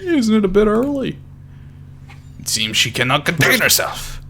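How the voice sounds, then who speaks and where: Male streamer reading a serious anime companion girl, calm, faint hum. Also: high voice, normal speed, pitched above the performer's own voice, heavily acted. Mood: gently firm. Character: serious young female companion.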